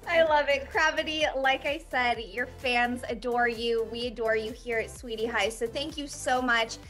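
A woman's voice: a little high, fairly even intonation, normal speed, a bit bright, soft background music. A young woman hosting a video-call interview with a band from a small room, gushing and upbeat. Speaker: host. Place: small indoor room, dark backdrop.

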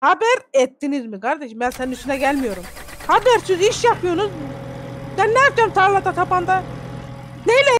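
Very high-pitched, rapid-fire man in game roleplay. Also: expressive, a bit bright, a little hiss or hum. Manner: protests and repeats himself. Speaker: player voicing a farmer in a roleplay. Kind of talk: heated game roleplay over voice chat.

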